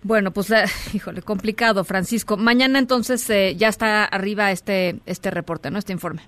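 A woman's voice: medium pitch, moderate pace, a bit bright, no room sound. A woman with a Mexican accent presenting radio news in a conversational style, as the show's host.

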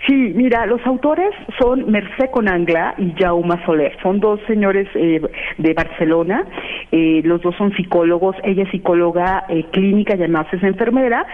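A woman's voice: medium pitch, moderate pace. A woman from Mexico, a guest institute director, speaking in a radio interview by phone with many fillers. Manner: affirming, talks with many fillers. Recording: phone line.

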